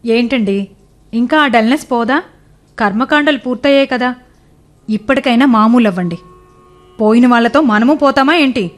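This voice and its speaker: A woman's voice: on the high side, normal speed, pauses often, natural voice. An actress in a radio play playing a selfish, contemptuous young wife who scolds her husband. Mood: dismissive. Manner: scornful, scolding. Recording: faint music behind.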